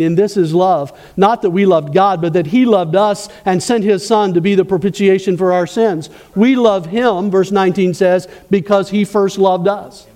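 A man's voice: high voice, a little mellow, big-room sound. A man preaching a sermon as pastor, asking the congregation questions as he goes.

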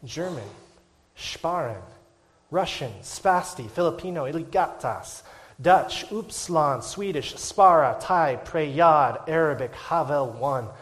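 Speaking slowly in a somewhat high, animated voice, a male pastor delivers a sermon to his congregation. His delivery moves between quiet whispers and loud, passionate peaks before ending in prayer.

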